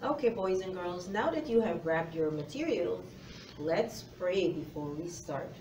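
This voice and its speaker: A middle-aged teacher presents phonics to young children in a fairly low, slightly mellow voice, animated but a little slow, encouraging them as she speaks to them directly. Her voice reaches a far camera across the classroom, so the recording is roomy and distant with faint noise.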